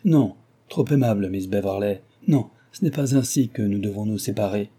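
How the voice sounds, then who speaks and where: An ardent young gentleman suitor, earnest and insistent, as a man reads him. The voice is very dark and husky, delivered as an audiobook reading. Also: fairly low pitch, moderate pace. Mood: passionate, pleading.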